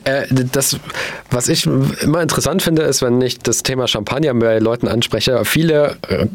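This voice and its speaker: A man hosts a radio show and interviews a musician, upbeat and quick to laugh. His voice has a middle pitch.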